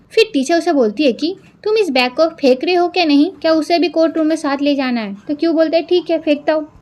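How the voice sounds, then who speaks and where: A woman's voice: high voice, darkish tone. A woman narrating a drama recap in a casual storytelling way, retelling each character's lines with frequent fillers.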